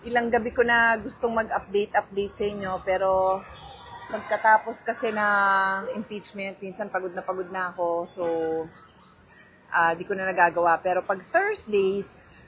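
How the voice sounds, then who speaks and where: A woman's voice: mid-range voice, fairly even intonation, moderate pace, fairly bright tone, low-quality recording. A middle-aged woman with a Filipino accent talks casually into her phone during a live stream. She drifts easily between Filipino and English, greets viewers by name, and chats about her day. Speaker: vlogger hosting a phone livestream. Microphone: handheld phone.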